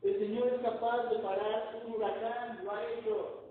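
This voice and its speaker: High-voiced preacher in an echoey hall. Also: male voice, level tone, moderate pace. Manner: emphatic preaching with rhetorical questions to the congregation. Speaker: pastor. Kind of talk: sermon. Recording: echoey hall, far from mic, thin phone-like sound.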